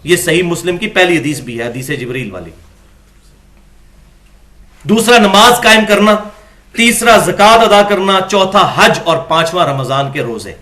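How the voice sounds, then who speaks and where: A man with a high, bright, forceful voice gives a religious lecture, reading from books and arguing his points. His delivery is argumentative, climbing to emphatic peaks.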